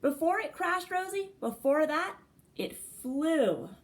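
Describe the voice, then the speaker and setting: A woman's voice: high voice, sing-song, slow pace, full character voice. A woman voicing a spirited, encouraging elderly great-aunt from a storybook, speaking emphatically. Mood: jubilant, encouraging.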